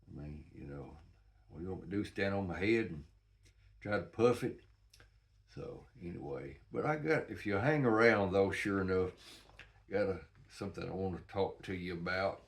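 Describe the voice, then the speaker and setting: A man's voice: sits low, moderate pace, vocal fry. An older man with a Southern US accent chatting casually and folksily, rambling along with a pipe in his mouth. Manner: folksy, meandering. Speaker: pipe-smoking video host.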